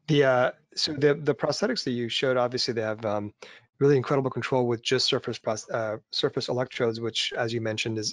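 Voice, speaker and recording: A man moderating a surgical webinar over a video call, asking questions haltingly with many fillers and restarts. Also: mid-range voice, fairly bright tone, no echo. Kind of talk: conversational Q&A.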